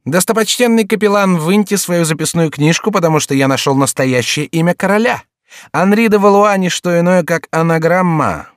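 A male narrator voicing a mocking, sharp-tongued court jester who teases with theatrical, mock-pious glee. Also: sits high, normal speed, dry recording, studio quality, voice pushed up, lightly acted.

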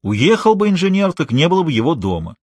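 A man's voice: on the high side, big pitch swings, quick pace, husky, no room sound, voice pushed up. A man voicing a cold, menacing male gang boss who gives curt, clipped commands without hurrying.

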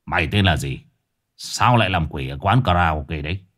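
A man playing a gruff, impatient old male exorcist who talks curt and bossy. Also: lively intonation, moderate pace, fairly bright tone. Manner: curt, bossy, low growl.

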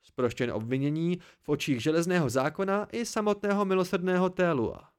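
A man's voice: on the high side, expressive, clear, resonant tone, natural voice. A man reading an audiobook, voicing an irritable, blunt male student friend who scolds. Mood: irritated.

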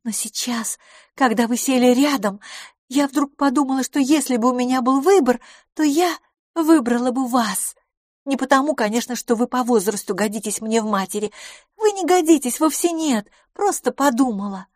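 A woman reading an audiobook and voicing an impulsive, warm young woman in a high, gushing voice. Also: moderate pace, no echo, studio quality.

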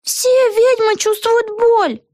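A very high, shrill young witch girl cries out her protests, earnest and indignant, as a woman reads her. Her storybook voice is recorded close and dry, with no room sound at all. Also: lively intonation, normal speed, dry recording.

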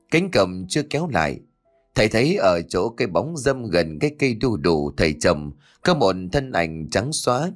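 A man narrates a ghost story in a steady, storytelling manner. His voice sits on the low side, and quiet music plays faintly behind him.

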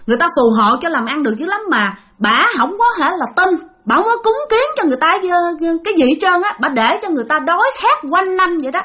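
A woman's voice: sits high, big pitch swings, fast talker, hardly any pauses, bright, forceful tone. A woman with a Southern Vietnamese accent telling a ghost story to her listeners in a rambling, casual way, full of fillers and self-corrections.

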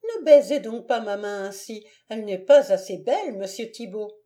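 A woman's voice: medium pitch, animated, moderate pace, mellow, lightly acted. A woman reading an audiobook, voicing a timid, innocent young peasant girl who speaks in a pleading, breathless way. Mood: sweet, shy.

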